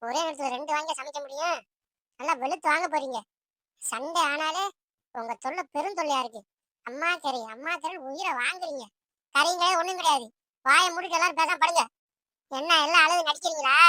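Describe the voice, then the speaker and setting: A bossy cartoon mother, voiced by a woman, shouts threats at her children in a very high, bright, piercing voice. The sound is dry and close, with no room around it. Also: no room sound. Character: scolding tired mother of two children. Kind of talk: cartoon voice acting.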